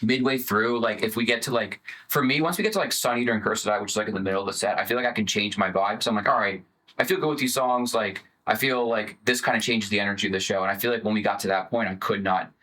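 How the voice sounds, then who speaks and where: A man's voice: lowish voice, quick pace, sharp tone, low-quality recording. A man in a band, chatting casually with bandmates and filling his talk with "like.". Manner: rambling, lots of "like" fillers. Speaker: band member. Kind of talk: casual group chat.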